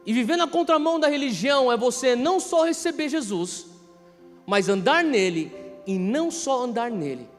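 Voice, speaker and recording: Music plays beneath an impassioned sermon from a male pastor in his 30s with a Brazilian accent, his sound echoing long through a large church hall's PA. His very high voice leans hard on emphasis, repeats key phrases, and shifts between hushed and loud.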